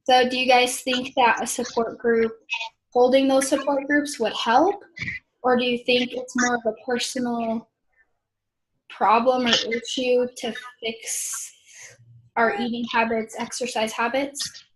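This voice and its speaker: Brief: young woman leading a video-call discussion, slow, slightly high, throat-clearing. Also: flat delivery, rough recording. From Idaho, USA. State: pregnant. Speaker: discussion leader. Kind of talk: casual group discussion.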